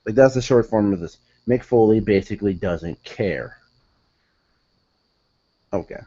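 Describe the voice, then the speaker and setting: A man's voice: on the low side, measured pace, warm tone, muffled recording. A young man reviewing a wrestling show in casual solo talk, rambling, correcting himself and sounding exasperated.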